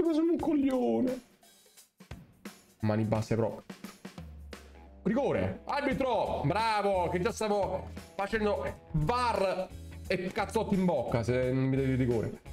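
Excitable man commenting his gameplay. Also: high-pitched. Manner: excitable, swearing, shouting at the game. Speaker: gaming content creator.

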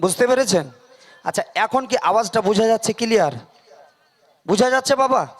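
A man preaching a sermon at a religious gathering over a PA microphone, singing drawn-out devotional verses and calling on the crowd to answer aloud. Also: sits high, lively intonation. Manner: chants drawn-out devotional verses, then preaches in quick bursts; calls on the crowd to respond aloud. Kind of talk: Bengali waz sermon with sung verses.

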